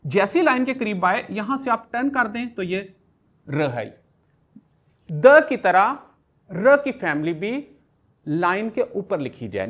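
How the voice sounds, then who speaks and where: A male teacher gives a slow, patient writing lesson for very young children, walking them through every stroke of the pen. His voice rises and falls in a lively, sing-song way, and he says each letter sound over and over. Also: high-pitched. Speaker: kindergarten teacher.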